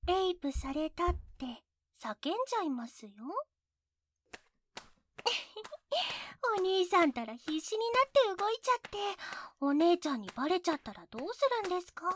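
A young adult woman voicing a teasing, mocking young woman in an intimate audio role-play. She is sweetly polite yet scornful and often drops into soft whispers. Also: very high voice, very animated, moderate pace, long pauses, a little hiss or hum.

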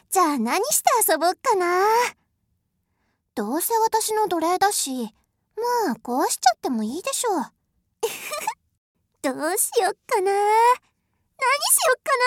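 A woman's voice: very high voice, heavily acted. A woman playing a bratty, haughty rich girl. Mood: bossy, impatient. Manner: imperious, scornful, mocking. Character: haughty spoiled rich young lady, bossy and cruel. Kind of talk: adult audio drama role-play.

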